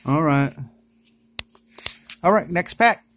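Chatty vlogger doing casual unboxing commentary indoors; mid-range pitch, excited outbursts. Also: slow, a little hiss or hum. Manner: chatty, excited exclamations at each pull. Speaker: card-opening vlogger. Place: indoors at home.

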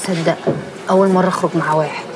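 A woman's voice: lowish voice, steady tone, racing, natural voice. An actress playing a poor young woman who speaks plainly and modestly in an Egyptian Arabic accent. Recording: film music behind.

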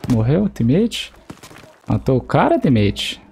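Gravelly Brazilian man streaming a shooter. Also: mid-range voice, big pitch swings, slow pace, mellow. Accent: Brazilian Portuguese. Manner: joking, swears, chats with teammates. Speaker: gaming streamer. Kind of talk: casual live gameplay commentary. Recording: faint game noise behind.

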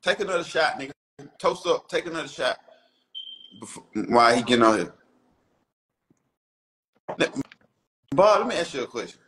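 A man's voice: fairly high pitch, animated, normal speed, long pauses, bright, forceful tone, a little hiss or hum. A man acting as a label boss in rowdy live-stream banter, bossy and demanding.

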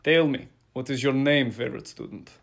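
Creaky, grumpy Russian teacher. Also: male voice, medium pitch, normal speed. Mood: deadpan approval. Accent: mock Russian. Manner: blunt, deadpan; switching impression voices. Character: blunt, grumpy Russian male history teacher. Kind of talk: comedy sketch impression.

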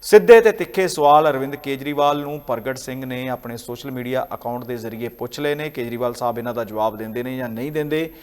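A man presenting news commentary as an anchor, in a measured, explanatory way. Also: mid-range voice, darkish tone, clean tone, in a large hall.

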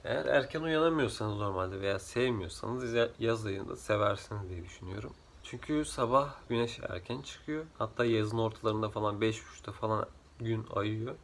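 A drowsy man chatting casually in a rambling vlog, his voice rough from just waking up, with slightly muddled L and R sounds. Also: fairly low pitch, normal speed, few pauses. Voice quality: trouble pronouncing L and R sounds. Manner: sleepy, rambling, jumps between topics. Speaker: vlogger.

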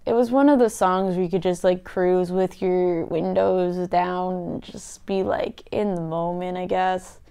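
A woman's voice: lowish voice, fairly even intonation, measured pace, creaky, few pauses, dark tone, clean tone. A woman in her twenties, hungover and tired, chatting casually and listlessly as she hosts a reaction video. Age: 20s. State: hungover, exhausted, with a headache. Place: small indoor room at home.

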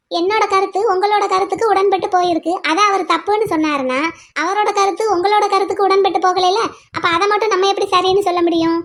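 A woman's voice: very high-pitched, fairly bright tone. A woman voicing a bold, outspoken young woman law student in a cartoon, arguing firmly point by point. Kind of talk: cartoon voice acting.

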